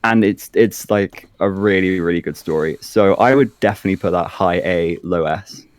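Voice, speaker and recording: Low-voiced eager male co-host, dry sound. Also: normal speed, no room sound. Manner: enthusiastic, restarts often. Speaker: podcast co-host. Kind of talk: casual chat.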